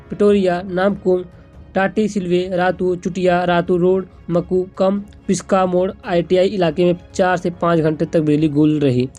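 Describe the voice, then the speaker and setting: A man's voice: on the high side, dark tone. A man presenting a breaking news bulletin, reading from a script and sometimes stumbling over or repeating words.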